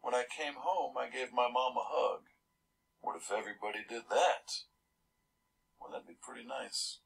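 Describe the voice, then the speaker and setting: A man's voice: medium pitch, normal speed, vocal fry, a bit bright, rough recording. A man reading a children's storybook aloud, adding casual, chuckling comments between pages. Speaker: storybook reader.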